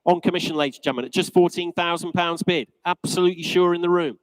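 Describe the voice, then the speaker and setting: A man's voice: high voice, steady tone, fast, no room sound. A man working as an auctioneer, calling bids live in a polished, courteous, repetitive patter.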